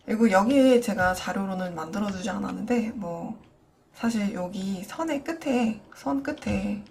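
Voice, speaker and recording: A woman's voice: medium pitch, a little mellow, a little hiss or hum. Patient woman teaching digital painting. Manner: patient, explanatory, addresses viewers directly. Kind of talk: screen-recorded drawing tutorial.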